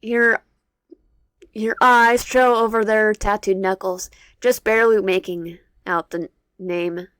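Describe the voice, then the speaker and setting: A woman's voice: mid-range voice, fairly even intonation, slow, a bit bright, smooth, no room sound, studio quality. A woman reading a visual novel fan game aloud, stumbling and restarting words and breaking off into chatty asides. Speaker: gameplay narrator.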